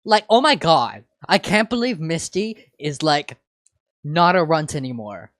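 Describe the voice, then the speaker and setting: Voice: mid-range voice, animated, unhurried, a bit bright, dry recording, clean studio sound, voice pushed up. A reader voicing a squealing teenage valley girl who gushes and says "like" constantly, in a fan fiction read-along. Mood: gushing. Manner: gushing with constant "like".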